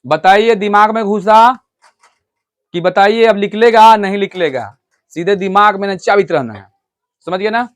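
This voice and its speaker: Male classroom teacher with a high voice, explaining rules patiently and checking in with students often. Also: moderate pace. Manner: explains step by step, often asks students if they understood; switches between loud stressed points and quiet asides to the class. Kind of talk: classroom English grammar lesson.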